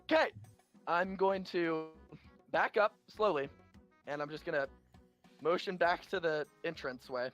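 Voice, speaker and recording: Male player, higher voice, hesitant and thinking aloud, faint music behind. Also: measured pace, long pauses, a bit bright. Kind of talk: casual tabletop play.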